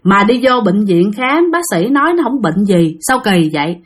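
A woman's voice: medium pitch, very animated, moderate pace, breathy edge. A woman with a Southern Vietnamese accent telling a ghost story in a chatty way, addressing her listeners directly. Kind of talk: casual spoken ghost story.

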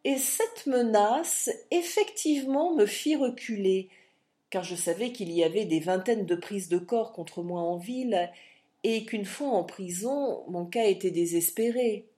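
A woman reading an audiobook in an expressive, dramatic storytelling manner. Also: mid-range voice, a little slow. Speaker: audiobook reader. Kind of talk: scripted audiobook narration.

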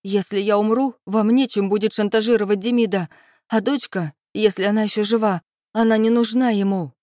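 A woman's voice: steady tone, moderate pace, mellow, husky, no echo, clean studio sound. A woman reading a storybook, voicing a desperate young mother who cries and pleads in a raised voice. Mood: despairing. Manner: crying, high pleading.

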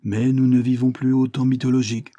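A man's voice: mid-range voice, flat delivery, a little fast, dark tone, dry recording, dull audio, pitched above the performer's own voice, lightly acted. A man doing an agitated retired sea captain. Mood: grandiloquent. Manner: raised, urgent, declamatory.

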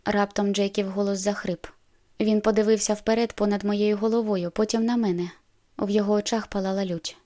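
A woman's voice: mid-range voice, flat delivery, fairly quick, dark tone. A woman narrating a novel in the first person, reading expressively and acting out the heroine's lines. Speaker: audiobook narrator.

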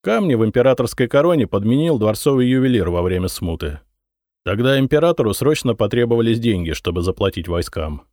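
Gruff, commanding spymaster, voiced by a man, loud and swinging in pitch, dry studio sound. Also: very animated, brisk, dry recording, close to an everyday voice. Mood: weary, explaining. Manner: roaring, threatening, commanding. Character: stern, short-tempered male head of secret service. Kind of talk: audiobook character reading.

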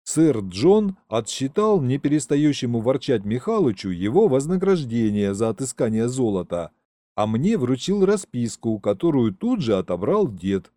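A man narrates an audiobook with a lively, expressive delivery. His voice is warm and mellow, close to the mic in a dry, dead-sounding room. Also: mid-range voice, normal speed, no room sound. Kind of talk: scripted narration.

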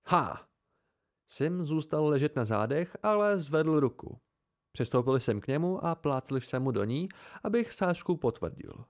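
A man's voice: on the high side, sing-song, a little mellow. A man reading a novel aloud as an amateur audiobook narrator, giving the characters small shifts of voice. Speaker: audiobook reader.

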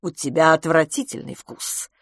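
A woman doing a loud bossy young man. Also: moderate pace, dry recording, clean studio sound. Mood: mocking. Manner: booming, bossy and mocking. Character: loud brash young man demanding whisky.

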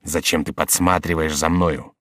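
A man's voice: rumbling low, level tone, moderate pace, a bit bright, dry recording, studio quality, voice pushed down. A man voicing an enraged, scheming male lawyer who questions a captive in a harsh, menacing tone.

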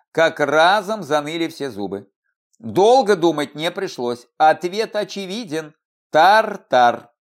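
A man narrating a fantasy story in first person, expressive and wry. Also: high voice. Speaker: audiobook narrator.

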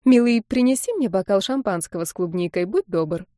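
A woman's voice: medium pitch, lively intonation, a little fast, no room sound, studio quality, close to an everyday voice. Woman reading as a gracious famous singer. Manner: warm, encouraging.

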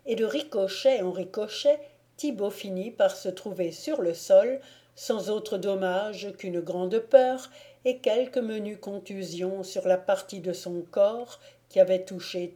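Brief: female audiobook narrator, calm and measured, slow, warm-toned. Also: medium pitch. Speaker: audiobook reader.

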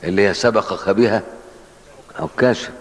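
A man with a low voice and an Egyptian Arabic accent explains hadith to a class in a colloquial, questioning style. A long reverb hangs on his words, as in a large hall. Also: moderate pace. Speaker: sheikh teaching hadith.

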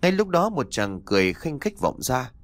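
Male storyteller, animated spooky reading, dry close mic. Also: medium pitch, normal speed, no room sound. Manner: expressive, dramatic reading. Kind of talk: ghost story narration.

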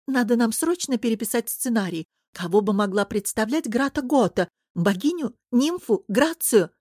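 A woman's voice: a little high, lively intonation, normal speed, warm tone, no room sound, clean studio sound, pitched above the performer's own voice. A woman reading an audiobook who voices a frivolous young princess, breezy, eager and a little impatient. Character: gushing, frivolous young court lady princess. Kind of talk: audiobook character voice.

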